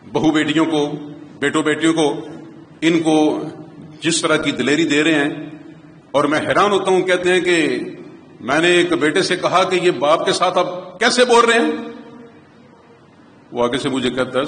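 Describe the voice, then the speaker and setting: A man preaches a Friday sermon, building passionately to emphatic high points. His voice sits a little high. It rings through an echoey mosque hall with a long reverb tail. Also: fairly bright tone. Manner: impassioned, rising to emphatic peaks.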